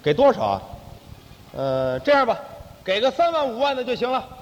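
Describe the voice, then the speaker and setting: A male comedian plays a smug, blustering fixer who talks down to everyone. His voice is high and swings widely up and down. It is a stage recording with long reverb and faint noise behind it. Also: sing-song, normal speed, muffled recording. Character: smug self-important middle-aged man who boasts of connections. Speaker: crosstalk comedian.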